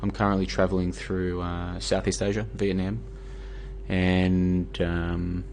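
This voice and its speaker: A tired Australian man talks through a casual, argumentative monologue on his own livestream, with plenty of fillers and restarts. His voice sits fairly low. A faint hiss runs under the recording. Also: completely flat delivery, takes it slowly, darkish tone. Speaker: livestream host. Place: home room.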